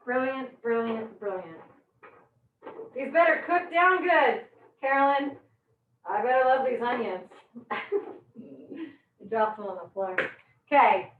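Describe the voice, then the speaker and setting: A woman's voice: high voice, unhurried, pauses often, reverberant, narrow, tinny audio, slight background noise. A woman teaching a live online cooking class, chatty and bubbly, teary-eyed from chopping onions. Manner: bubbly, chatty, laughs at her own jokes.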